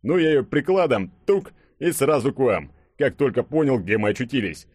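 A man reading an audiobook, voicing a brash burly young man who boasts and jokes loudly. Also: mid-range voice, lively intonation, moderate pace, no echo, studio quality, voice pushed up, close to an everyday voice. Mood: boastful joking. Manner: loud, swaggering, joking. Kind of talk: audiobook character voice.

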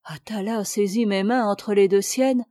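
A woman reading a classic novel aloud as an audiobook, in a measured, expressive way. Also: medium pitch, no echo, clean studio sound. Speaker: audiobook reader.

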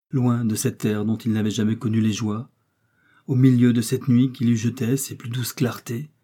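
A man narrating a classic novel as an audiobook, in a slow, expressive reading. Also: mid-range voice, breathy edge. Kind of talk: scripted narration.

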